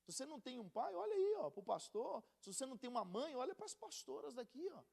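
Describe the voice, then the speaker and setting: A man's voice: extremely high pitch, quick pace, creaky. A man from Brazil with a Brazilian Portuguese accent, teaching a casual, slangy Bible study as a youth pastor. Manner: slangy and conversational, animated, calls listeners buddy.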